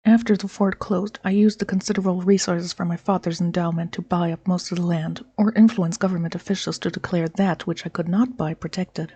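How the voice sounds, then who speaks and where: A woman's voice: lowish voice, steady tone, a little fast, hardly any pauses, warm tone, breathy edge. A woman reading written notes aloud as she narrates a game. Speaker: gameplay narrator.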